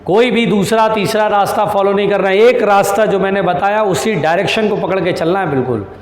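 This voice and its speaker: Patient, high-voiced male physics teacher. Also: reverberant, big-room sound. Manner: patient, repeats key terms slowly; calls students "beta", reassuring. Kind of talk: classroom lecture.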